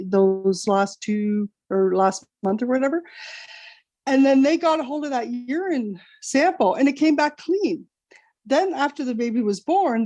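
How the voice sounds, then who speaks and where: A middle-aged woman whose first language is Italian tells her story as an interview guest, her voice sitting fairly high. She talks in an earnest rush, often breaking off and restarting. The sound is dry and close. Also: darkish tone, no room sound. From Canada. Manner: earnest, rushed retelling with many restarts. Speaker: guest, author. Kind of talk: interview over a call.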